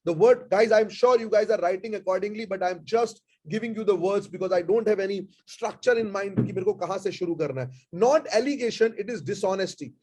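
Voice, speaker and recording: A man with an Indian accent leads a live online vocabulary class, trading Hindi and English. His voice sits high for a man, and he stretches out and repeats each key word at an unhurried pace. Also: darkish tone. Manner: switches between Hindi and English, repeats key words slowly.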